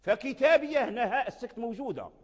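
A man giving a spoken lesson on the rules of Quran recitation. He halts and repeats words as he explains, and slows down to spell out examples. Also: very high voice, animated. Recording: long reverb of a hall.

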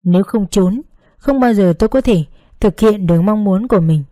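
A woman narrating an emotional first-person story in a slow, gentle, measured reading. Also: mid-range voice, dry recording. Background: faint background music.

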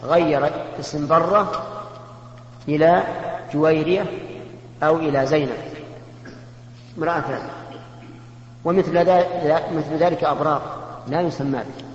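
Man, religious scholar, measured explanations, rhetorical questions, echoey lo-fi hall recording, faint hum. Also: fairly high pitch. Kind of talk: scholarly Q&A answer.

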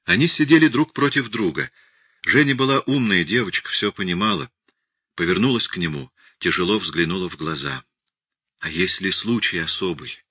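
A male narrator reads a literary audiobook calmly and evenly. His voice is deep and husky with a bright, sharp edge, recorded close and dry. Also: no echo. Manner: calm, measured reading.

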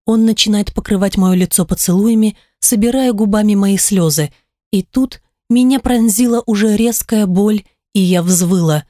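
A woman's voice: medium pitch, moderate pace, warm tone, no room sound, studio quality. A woman reading an audiobook in first person, with an emotional, intimate storytelling manner. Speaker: audiobook narrator. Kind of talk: scripted first-person narration.

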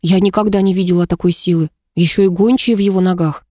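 A woman's voice: lowish voice, steady tone, quick pace, warm tone, no echo, studio quality, close to an everyday voice. A woman reading an audiobook, voicing an anxious, impulsive young heroine who pleads urgently. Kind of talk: audiobook narration.

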